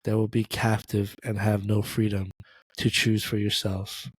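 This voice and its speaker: A man's voice: lowish voice, flat delivery, a little slow, breathy edge, dry recording. A man from Thailand co-hosting a casual faith podcast, talking in an emphatic, joking way. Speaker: podcast co-host.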